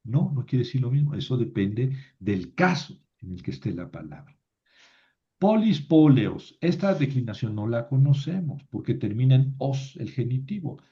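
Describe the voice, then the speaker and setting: Guy teaching greek online, super dark mellow voice, patient step by step, kinda muffled lo-fi audio. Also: medium pitch, sing-song, moderate pace, hardly any pauses. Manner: patient, explaining step by step, often asks "¿verdad?". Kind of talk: online class lecture.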